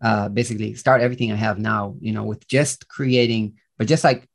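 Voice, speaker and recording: A man's voice: lowish voice, steady tone, a little fast, vocal fry. A man, co-hosting a podcast in loose, rambling casual chat full of fillers. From Israel. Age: 30s. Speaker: podcast co-host.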